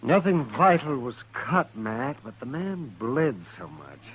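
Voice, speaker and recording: An actor playing a brisk, fussy frontier town doctor in a 1950s-style radio western. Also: male voice, medium pitch, huge pitch swings, a bit bright, breathy edge, heavily acted, rough recording. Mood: brisk, weary. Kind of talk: 1950s radio drama acting. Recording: old radio drama recording.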